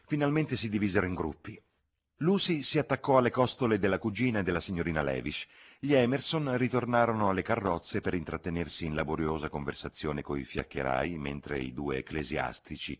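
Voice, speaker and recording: A man from Italy narrates a classic novel as an audiobook reader. His voice is deep and husky, and his delivery measured and expressive. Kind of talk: literary narration.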